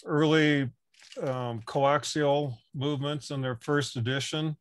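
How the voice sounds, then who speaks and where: A man in his sixties chatting casually on a headset, with halting, thoughtful phrasing. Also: fairly high pitch, fairly even intonation, no echo. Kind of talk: casual discussion. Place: home workshop on a video call.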